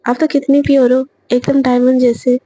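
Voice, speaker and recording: A woman voicing an adoring young woman junior in a storybook reading, sweet and flattering. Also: high-pitched, normal speed, no echo. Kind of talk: storybook narration with voiced parts.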